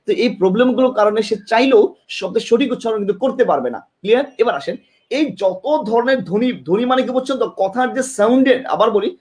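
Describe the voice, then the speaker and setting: High-pitched fast-talking male teacher. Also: a little mellow. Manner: repeats points, asks students questions; demonstrates with tongue and lips. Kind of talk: online exam-prep class. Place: classroom with a board.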